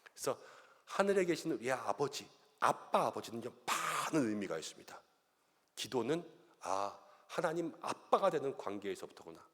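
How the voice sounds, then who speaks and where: Middle-aged man, pastor preaching a sermon, lively swooping pitch, acts out little quotes, long reverb of a church hall. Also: normal speed. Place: church sanctuary.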